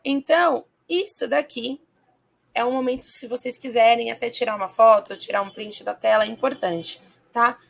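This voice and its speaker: A woman with a Brazilian Portuguese accent teaching English in a video lesson. She talks patiently, checks in often with her viewers and slows down to model each phrase. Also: on the high side, creaky.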